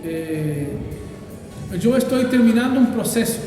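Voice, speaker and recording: A pastor who grew up in Brazil, answering interview questions in a thoughtful, hesitant way with many fillers. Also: male voice, very high voice, expressive, a little slow, heavy reverb, in a large hall, distant mic, over music, poor audio.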